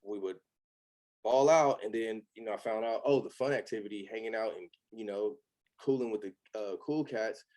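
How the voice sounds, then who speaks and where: Candid rambling man, low voice. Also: normal speed, a little mellow. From Los Angeles. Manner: candid, loose, rambling with many fillers. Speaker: podcast guest. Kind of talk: casual chat.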